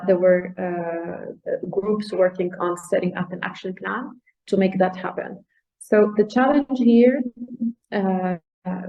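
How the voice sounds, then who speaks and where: Mellow woman presenting, dull audio. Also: medium pitch. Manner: hesitant, searching for words. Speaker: project presenter. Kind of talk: informal webinar presentation.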